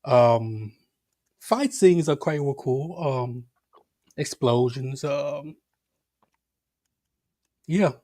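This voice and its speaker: A man's voice: mid-range voice, lively intonation, very slow, pauses often, warm tone, dry recording. A man in casual talk, rambling through his thoughts with lots of fillers and laughter between points. His voice sits mid-range and sounds dry and close to the mic. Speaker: show panelist. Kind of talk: casual chat.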